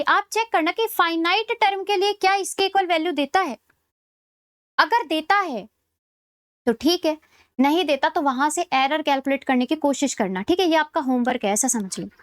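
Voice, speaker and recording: A woman with a high voice teaches an exam-prep maths lecture, working through each step patiently and pausing to ask whether the class is following. She slows almost to dictation when reading out formulas. The recording is dry and close, with no room sound. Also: no room sound. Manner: explains step by step, checking in with "है ना?" and "ठीक है?".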